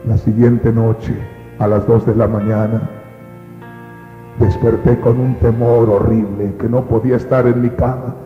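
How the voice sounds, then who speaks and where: A man preaching an emotional sermon as a pastor, crying out loud at times and dropping to a hush at others. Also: little pitch movement, a little slow, soft background music. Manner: impassioned, swings between loud cries and hushed lows. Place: church hall. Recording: echoey hall over a tinny, phone-like line.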